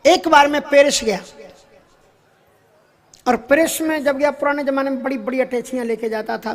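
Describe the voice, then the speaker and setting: A high-pitched, slightly bright-voiced man delivers a devotional sermon. He uses everyday anecdotes to explain spiritual concepts, laughs softly as he goes, and now and then slips into English.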